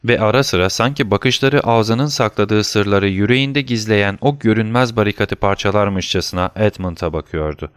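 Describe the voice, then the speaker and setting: Man narrating a classic novel, low voice. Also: clear, resonant tone, no echo, studio quality. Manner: measured, literary storytelling. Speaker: audiobook narrator. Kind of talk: scripted narration.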